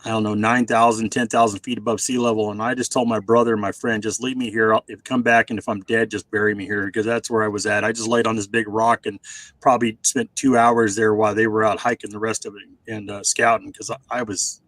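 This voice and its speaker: A man's voice: on the low side, little pitch movement, quick pace, fairly bright tone, no room sound, rough recording. A man in his forties chatting casually on a video call, rambling with many fillers and restarts. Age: 40s.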